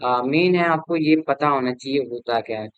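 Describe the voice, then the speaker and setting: Young male instructor, smooth clear voice, dry close sound, halting casual lecture delivery. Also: mid-range voice, no room sound, narrow, tinny audio. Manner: explains informally with many fillers and restarts. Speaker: cybersecurity instructor. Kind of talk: online lecture.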